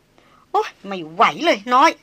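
A young man protests loudly, flustered and exasperated, voiced by a woman reading the story. The voice stays bright and fairly high. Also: expressive, normal speed, dry recording.

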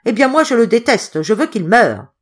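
A woman's voice: on the high side, big pitch swings, moderate pace, voice pushed up. Woman doing a cruel furious innkeeper. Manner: snarling, harsh, commanding.

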